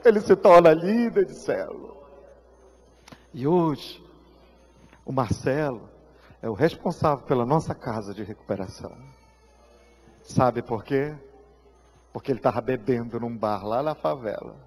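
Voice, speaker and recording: A man with a Brazilian Portuguese accent preaching a sermon, telling a story with feeling, acting out voices and shouting at the peaks. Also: medium pitch, a little slow, pauses often, slightly rough. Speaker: pastor. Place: church hall. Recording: live church hall reverb.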